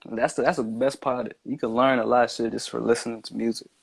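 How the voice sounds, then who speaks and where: A man's voice: mid-range voice, little pitch movement, fast, creaky, slightly rough, dry recording. A man talking as a podcast guest in a loose, meandering, slangy way, peppered with filler words. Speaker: podcast guest, music maker. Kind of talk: casual chat, slangy.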